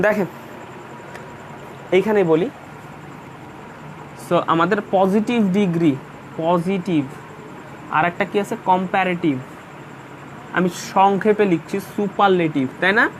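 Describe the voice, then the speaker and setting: A man's voice: high-pitched, unhurried, pauses often, a little hiss or hum. A man teaching an English grammar class in Bengali, explaining patiently and going over each point again. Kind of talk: online class lecture.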